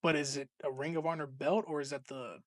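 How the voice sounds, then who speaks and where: A man with a high, steady voice co-hosts a wrestling podcast, talking briskly with a crowd audible in the background. The casual chat is loose and profane, and he laughs often.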